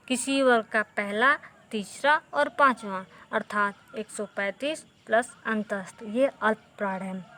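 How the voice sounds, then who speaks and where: A woman teaching a grammar lesson for exam students. Her voice sits a little high, and she goes very slowly. She repeats each key term patiently and drills the letters aloud one by one. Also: fairly bright tone.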